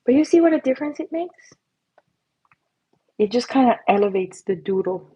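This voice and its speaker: A woman's voice: on the high side, lively intonation, moderate pace, mellow, lo-fi sound, a little hiss or hum. A woman hosting a live painting stream, chatting with viewers in a bubbly, giggly way as she paints. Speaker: livestream host and face painter. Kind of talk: casual live-stream chat while painting.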